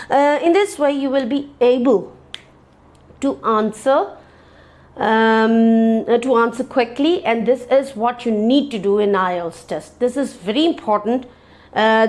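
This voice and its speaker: A woman's voice: fairly high pitch, a little mellow. A woman teaching as an English test teacher in a lecture, with frequent fillers and self-corrections, repeating key points as she explains.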